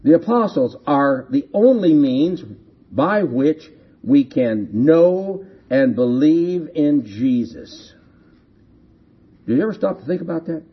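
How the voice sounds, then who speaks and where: A man preaching slowly and deliberately, his voice rising and falling widely as he stresses each point. His tone is somewhat husky, and the recording sounds dull and lo-fi. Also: fairly high pitch, expressive. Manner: slow, emphatic, repeats key phrases and asks rhetorical questions. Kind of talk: sermon.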